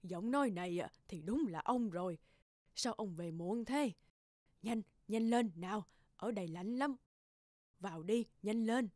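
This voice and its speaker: A woman's voice: mid-range voice, lively intonation, measured pace, darkish tone, no room sound, lightly acted. A woman voicing an old village wife in a storybook cartoon, speaking hesitantly with many fillers. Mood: worried.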